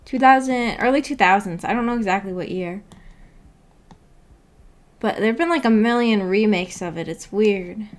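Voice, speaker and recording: This woman, hosting a casual book club livestream from an upstairs room at home, reads and replies to comments from viewers. Her mid-range voice moves at normal speed, though she pauses often, rambling and correcting herself along the way.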